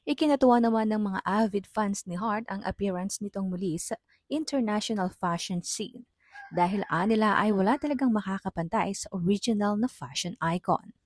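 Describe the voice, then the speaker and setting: A woman reading a scripted entertainment news voice-over in an even, newsreader-like delivery. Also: mid-range voice, normal speed, no room sound, clean studio sound.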